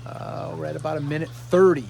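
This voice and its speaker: A man's voice: a little high, flat delivery, fairly quick, vocal fry, a little mellow, slight background noise. A middle-aged man talking casually to camera outdoors, hesitant and reluctant. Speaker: vlogger. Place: outdoors beside a cold plunge barrel.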